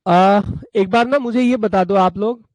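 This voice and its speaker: A man with a high, darkish voice speaks a little slowly in a dry recording while teaching a live online law class. He explains concepts through small acted-out stories, playing both buyer and seller, and chats with his students in a warm, fatherly manner.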